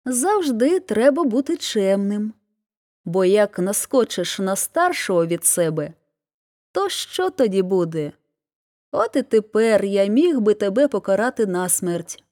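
A man's voice: very animated, a little slow, a little mellow. A man voicing a boastful, self-important male donkey in a folk tale reading. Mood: smug lecturing. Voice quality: high, strained voice.

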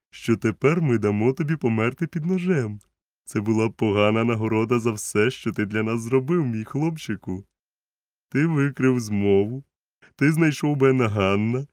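A man's voice: medium pitch, a little mellow, no echo, studio quality, voice pushed up, close to an everyday voice. A man voicing a kindly, resolute grown doctor who talks urgently and firmly, in a storybook reading. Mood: earnest.

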